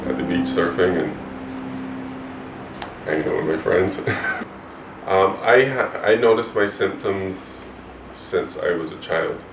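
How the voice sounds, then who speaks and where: Deep-voiced man from Barbados. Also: gravelly, background noise. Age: 40s. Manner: hesitant, reflective, many fillers. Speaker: pastor. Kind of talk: personal testimony interview. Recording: roomy, distant, muffled with loud guitar music. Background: loud guitar music.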